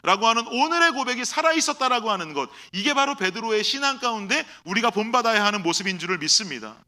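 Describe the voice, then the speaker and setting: A man preaching a sermon as pastor, swinging between loud exhortation and hushed, low asides. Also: animated, fast. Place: church sanctuary.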